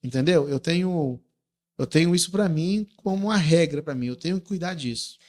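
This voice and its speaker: Fast-talking Brazilian man telling stories. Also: a little high. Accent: Brazilian Portuguese. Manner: lively, earnest storyteller. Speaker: podcast guest, entrepreneur and rancher. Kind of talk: casual podcast chat.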